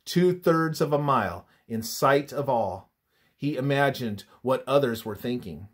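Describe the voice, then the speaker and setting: Speaking at a mid-range pitch with a breathy edge, this man delivers a scripted religious study. His intonation is lively, his manner measured and instructive, and his phrases tend to trail off gently.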